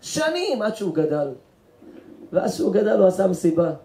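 A high-pitched rabbi with a mellow tone tells a dramatic story in a sermon. He acts out each character, sometimes hushed and sometimes shouting, in an echoey room. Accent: Israeli Hebrew. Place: synagogue or event hall.

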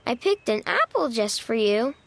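Reading a children's storybook aloud, a woman takes on the voice of a sweet, eager little animal child, telling the tale in a simple, earnest, childlike way. Her voice is a little high, gravelly and very animated at a normal speed, with a noisy background behind her.

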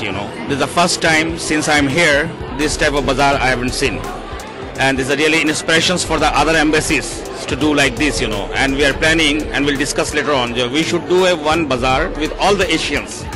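A middle-aged man, an ambassador, speaking with enthusiasm in halting English into a handheld mic at an outdoor event. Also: a little high. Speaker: ambassador guest. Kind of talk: event interview. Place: outdoor embassy courtyard. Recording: background music.

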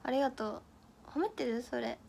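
In a high, gravelly and somewhat mellow voice, a young idol from Miyagi, Japan, chats on a livestream at a moderate pace. She reads viewer comments, giggles and fumbles her way through tongue twisters.

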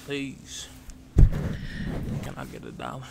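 A man's voice: mid-range voice, wildly swooping pitch, takes it slowly, creaky, very noisy, heavily acted. A man voicing a frantic, down-on-his-luck addict who begs and rambles repetitively in a whispered role-play. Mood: begging.

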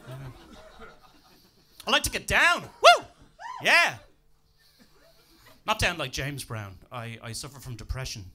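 A young man from Ireland, speaking with a Dublin accent, does stand-up at a comedy club with a handheld mic. He talks slowly with frequent pauses in a fairly high-pitched voice, keeping his humor deadpan and dry while running himself down.

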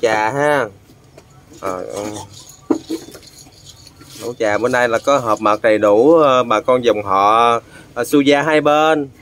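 A man's voice: medium pitch, takes it slowly, pauses often, noisy background. A man hosting a street vlog, speaking in an easygoing, hesitant way. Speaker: vlog host. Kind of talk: casual on-site interviewing.

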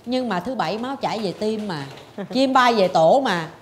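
A woman's voice: mid-range voice, animated, normal speed, a little hiss or hum. A woman, hosting a talk show and dramatically telling a personal story, acting out her own past thoughts. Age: 40s. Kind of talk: confessional storytelling chat.

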